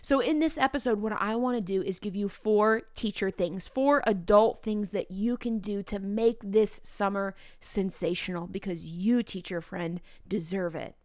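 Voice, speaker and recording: A woman's voice: medium pitch, normal speed, few pauses, no room sound, studio quality. A woman with a Midwestern American accent hosting a podcast monologue, enthusiastic and heartfelt. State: emotional, near tears. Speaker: podcast host.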